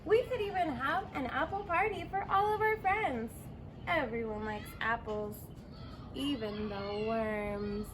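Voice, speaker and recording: This reading sounds a little slow, with the woman's voice on the high side. Aged in her thirties or forties, she reads a picture book to young children in a fenced backyard, expressively stretching words and adding simple asides and questions. Clear background noise marks the outdoor recording.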